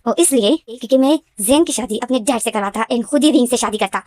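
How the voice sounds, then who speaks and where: A woman's voice: fairly high pitch, brisk, darkish tone, lightly acted. A woman voicing a heartbroken, obsessive young man who pleads and insists. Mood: insistent.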